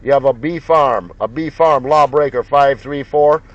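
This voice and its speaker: A man on a CB radio keeps repeating call signs as he jokes around in slangy, folksy banter. His medium-pitched voice moves at normal speed, and the audio is muffled and lo-fi, with loud radio noise and clicks.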